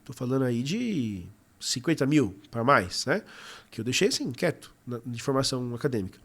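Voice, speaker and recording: A young man in his twenties from Brazil, a podcast guest telling his life story in an animated, casual way full of fillers. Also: mid-range voice, normal speed, slightly rough.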